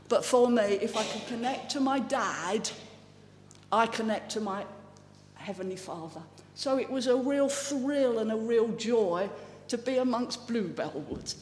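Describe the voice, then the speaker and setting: Man from South East England, high-pitched, halting heartfelt testimony; echoey hall. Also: a little hiss or hum. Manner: halting, heartfelt, with many restarts. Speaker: speaker sharing personal testimony. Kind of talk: informal talk with slides. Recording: echoey hall with long reverb.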